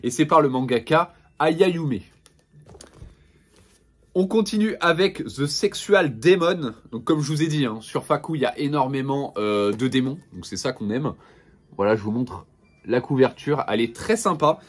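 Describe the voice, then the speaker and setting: Homme enthousiaste qui présente sa collection. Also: male voice, medium pitch, expressive, moderate pace, breathy edge. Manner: enthusiastic, many fillers and restarts. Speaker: manga collection reviewer. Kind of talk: casual product showcase vlog.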